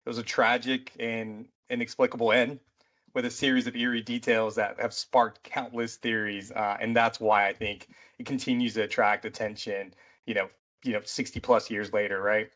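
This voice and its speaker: A man's voice: fairly low pitch, flat delivery, moderate pace, fairly bright tone. A man hosting a mystery podcast in a loose, rambling chat, peppered with "you know" and "right". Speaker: podcast host; military veteran.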